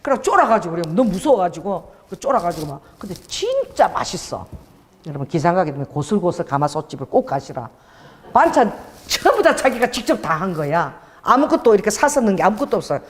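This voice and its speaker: A woman pastor preaching a sermon, telling a story with lively quoted voices. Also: fairly low pitch, fast, in a large hall.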